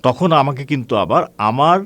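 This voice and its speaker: Lively-voiced male teacher lecturing students. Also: medium pitch, no room sound. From Bangladesh. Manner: addresses students as friends, asks rhetorical questions; measured explaining with frequent hesitations. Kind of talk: online class lecture.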